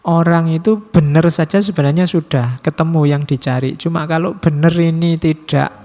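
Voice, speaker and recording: A middle-aged man giving a philosophy lecture, measured and slowing down to stress key terms, with casual asides. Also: fairly high pitch, steady tone, warm tone, faint music behind.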